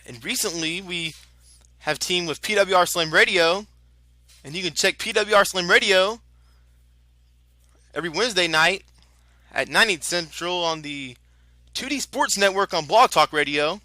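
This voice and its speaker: A male lucha libre announcer with a high, sharply bright voice, recorded close and dry with no echo, blends wrestling play-by-play with promotional plugs. He's chatty, informal, and exclamatory, speaking at normal speed with long pauses.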